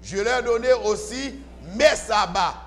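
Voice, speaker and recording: Speaking slowly in a high voice, a male pastor delivers an emphatic sermon full of questions to his congregation. The handheld-mic audio, captured from a far-off camera, carries church hall reverb and faint background music.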